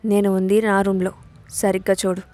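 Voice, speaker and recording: A woman reading the part of a sarcastic young husband who snaps back in short, curt lines. He sounds irritable, in a middle-pitched audio-story voice. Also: flat delivery, normal speed, warm tone, natural voice. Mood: curt, irritated.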